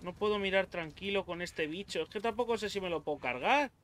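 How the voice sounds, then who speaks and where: A man's voice: high voice, a little fast. A young man from Spain, doing horror game commentary, swearing and yelping when startled. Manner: jumpy, swears a lot, yells when startled. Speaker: gaming YouTuber.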